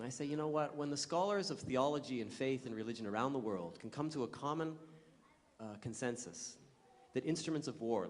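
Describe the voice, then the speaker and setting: A man, a singer-songwriter, chatting and joking with a live audience between songs, drawing in the children in the crowd. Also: medium pitch. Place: performance hall with an audience. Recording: long hall reverb with guitar music. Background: guitar.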